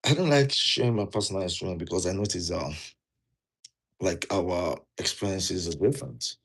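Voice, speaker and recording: A Nigerian man with a deep, fairly bright voice speaks at a normal pace, offering immigration advice as a vlogger in a casual talk indoors while wearing a jacket. His Nigerian English delivery is earnest, and he repeats key points and poses questions to viewers.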